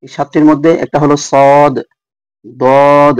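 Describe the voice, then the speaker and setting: A man teaching Quran recitation rules, repeating each letter sound slowly and speaking directly to viewers. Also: on the high side, little pitch movement, clear, resonant tone, no echo, lo-fi sound. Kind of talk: tajweed lesson.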